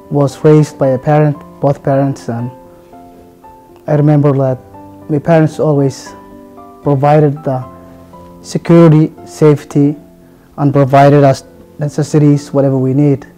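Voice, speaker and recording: A man speaks in a mellow, fairly high voice. He talks haltingly, trailing into soft fillers between phrases as he tells his story for an interview. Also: level tone, soft background music. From Somalia. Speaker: police officer. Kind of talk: interview testimonial.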